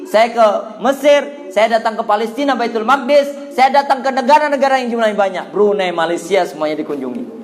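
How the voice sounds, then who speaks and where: High-voiced Javanese man preaching. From Java, Indonesia. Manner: animated storyteller who acts out childhood voices. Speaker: Islamic preacher. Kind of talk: sermon with personal storytelling.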